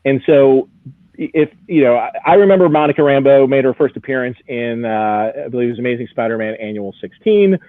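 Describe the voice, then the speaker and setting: Brisk and expressive, a medium-pitched man offers lively, conversational expert commentary while previewing collectible items on a live show, where he's a guest expert from an auction house. There's no room sound, and the audio is narrow and phone-like, like radio.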